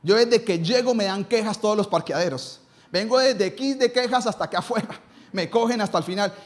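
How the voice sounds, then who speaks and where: A man's voice: high voice, brisk. A male pastor preaching a live sermon in his church, asking rhetorical questions and answering them himself.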